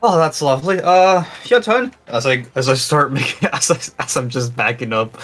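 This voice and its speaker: Male player with a bright, sharp voice, rambling and self-correcting as he takes his turn. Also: medium pitch, expressive, normal speed, breathy edge. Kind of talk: casual tabletop play over voice chat.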